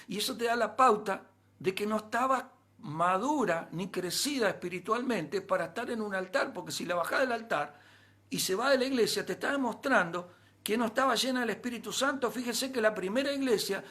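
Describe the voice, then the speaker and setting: A pastor with a Rioplatense Spanish accent delivers a sermon in a high-pitched male voice. He presses his points with emphatic rises and frequent rhetorical questions. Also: bright, forceful tone.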